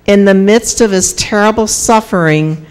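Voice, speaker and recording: A woman reading scripted dramatic narration of a Bible story in a solemn, deliberate manner. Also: medium pitch, darkish tone, clear, resonant tone.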